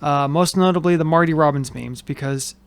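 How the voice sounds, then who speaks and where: A man's voice: a little high, a little fast, clear, resonant tone. A man hosting a casual chat from his home studio, loose, joking and rambling as he talks. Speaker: host. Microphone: headphones with mic.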